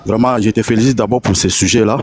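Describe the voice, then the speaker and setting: A man on a live audio chat, excitedly recounting a bank incident as a testimony, acting out the other people with a rising voice and many restarts. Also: fairly low pitch, fast talker, noisy background. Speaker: caller giving a testimony.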